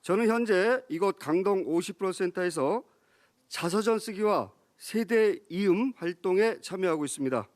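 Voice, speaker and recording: A man's voice: high voice, lively intonation, normal speed. A man in his fifties formally introducing a lecture as the event host. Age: 50s. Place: lecture venue with seated audience.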